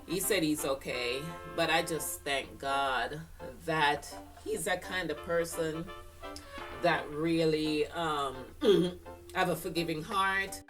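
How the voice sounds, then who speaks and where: Far from the mic and over music, an older woman with a Jamaican accent talks casually about fashion, rambling with fillers and laughs. She speaks slowly in a low, steady voice, a little stuffy from blocked sinuses.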